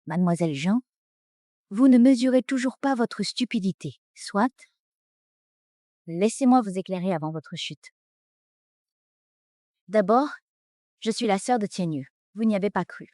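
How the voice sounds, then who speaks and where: A woman's voice: mid-range voice, expressive, measured pace, long pauses, warm tone, no echo, studio quality, natural voice. A woman voicing a composed, cutting young heiress in a French melodrama dub. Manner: cold, cutting. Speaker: dubbing actress.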